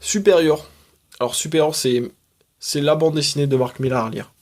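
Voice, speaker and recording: A man's voice: fairly high pitch, normal speed, darkish tone. A young man casually reviewing his comics collection, enthusiastic, with frequent hesitations and fillers.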